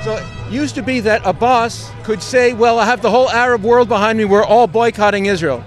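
A male interviewer asking long, halting questions with many restarts. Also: high voice, soft background music.

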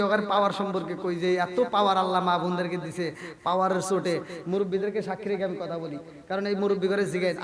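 A male Islamic preacher, giving a jocular waz sermon and keeping the crowd answering back. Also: high-pitched. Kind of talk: Bengali waz sermon at a religious gathering.

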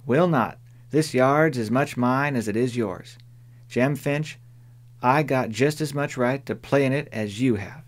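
A man voicing a young, stubborn tomboy girl in an audiobook, speaking bluntly in a raised pitch. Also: unhurried, natural voice. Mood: defiant. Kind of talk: audiobook character voice.

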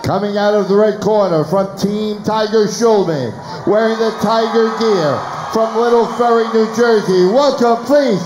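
A man's voice: high voice, a little slow, few pauses, background noise. A middle-aged man making formal boxing ring announcer introductions into a handheld microphone, projecting and drawing out his words. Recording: echoey arena PA, faint music.

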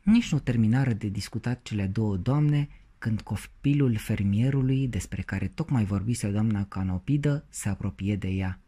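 A man reading a children's story aloud in an expressive way. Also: lowish voice, hardly any pauses, slightly rough. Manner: expressive, animated.

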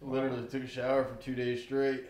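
A man's voice: mid-range voice, monotone, fast talker, a little mellow. A man chatting casually with friends, easygoing and poking fun at himself. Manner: easygoing, self-deprecating. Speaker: angler friend. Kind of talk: casual chat. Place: living room, indoors. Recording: roomy echo.

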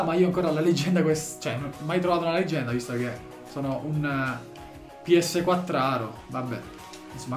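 A man commentating as he opens game packs, swinging from shouted excitement to low muttering. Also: echoey room. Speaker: gaming YouTuber opening packs.

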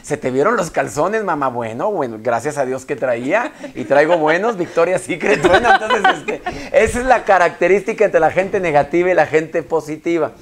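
Animated Mexican man telling stories. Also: on the high side, moderate pace, hardly any pauses. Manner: animated, playful, acts out scenes with laughs and shifts of voice. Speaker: guest speaker. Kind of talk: lively talk-show storytelling.

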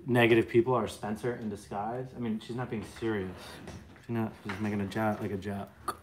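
Chatting casually on a home live stream, this late-thirties man jokes around and reads viewer comments out loud. His fairly low voice is flat and brisk, captured close up by a phone camera in a bright living room, with a little hiss or hum.

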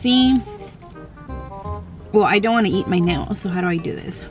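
A woman's voice: mid-range voice, moderate pace, soft background music. A young woman in her twenties chatting casually in a vlog, giggly and full of "like", filmed on a handheld phone. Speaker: beauty vlogger. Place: in a car and out on errands.

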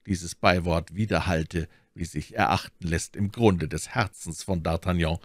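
Male audiobook narrator, low, animated, dry close sound. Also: measured pace, no echo. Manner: expressive storytelling. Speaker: audiobook reader. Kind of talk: scripted narration of a classic novel.

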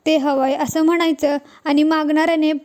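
A woman's voice: high-pitched, little pitch movement, moderate pace, darkish tone, lightly acted. A woman voicing a haughty rich matriarch who speaks in a curt, scolding way. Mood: scornful.

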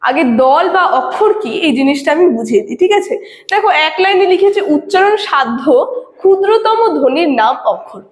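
A woman with a high voice teaches a lesson, taking it step by step and pausing to check that students follow. The sound is roomy with a long reverb, as if recorded in a bare classroom. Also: lively intonation. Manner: explains step by step, often checks in with 'okay'. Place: classroom with a board. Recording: echoey room with long reverb.

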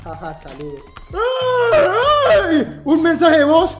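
A young man hosting a comedic reaction vlog, talking in an animated way, laughing often and shouting in surprise. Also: high voice, normal speed. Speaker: YouTuber. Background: background music.

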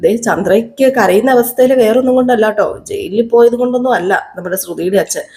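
Chatty woman retelling a serial, dark tone. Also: fairly high pitch, fast. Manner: chatty, often adds a tag like "you know" and acts out the dialogue. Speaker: serial review narrator. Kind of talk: casual retelling of a TV serial episode.

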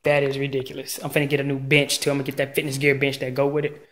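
A man's voice: medium pitch, monotone, racing, fairly bright tone, reverberant. A man in his thirties hyping up his home gym setup in a casual, slangy way, filming on a handheld phone in a bare garage. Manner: hyped, boastful, slangy. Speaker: fitness vlogger. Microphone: handheld phone camera.

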